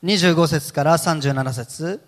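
A man's voice: a little high, a little slow. A man preaching a sermon in a church hall, telling stories in a chatty way and often breaking into laughter. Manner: chatty storytelling with frequent laughs. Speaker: pastor. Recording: reverberant hall.

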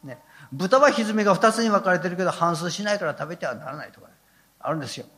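A man's voice: high voice, animated, very fast, a bit bright. An older man, preaching a sermon as a pastor with folksy, humorous storytelling.

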